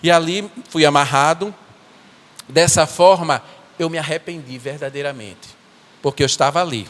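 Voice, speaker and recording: A man playing a remorseful biblical strongman, telling his own downfall in a halting, earnest first-person church monologue. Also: a little high, fairly bright tone, close to an everyday voice. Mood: rueful. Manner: earnest, halting storytelling with repeated words. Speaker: church performer. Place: church sanctuary. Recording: echoey church hall.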